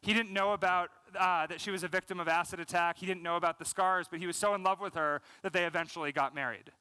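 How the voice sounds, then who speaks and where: With a fast, high, clean voice, an American man in his thirties gives a conference keynote on a large stage, fluent but often saying "um" and "you know." He gestures energetically as he talks. The headset mic leaves no echo.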